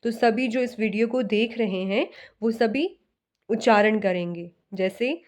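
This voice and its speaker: Slow, high-voiced woman teaching a lesson. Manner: questions and answers herself, drills sounds slowly. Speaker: Hindi teacher. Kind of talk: classroom-style lesson.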